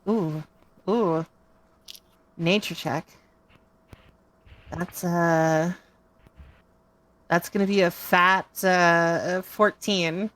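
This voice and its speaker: A woman playing a tabletop game, talking in a drawn-out, playful way. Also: fairly low pitch, fairly even intonation, a bit bright. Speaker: player. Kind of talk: casual tabletop game chat.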